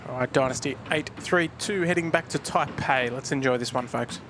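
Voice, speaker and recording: A man's voice: mid-range voice, normal speed, background noise. A man hosting a plane-spotting livestream with casual, matey commentary, chatting to viewers. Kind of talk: casual live commentary and chat.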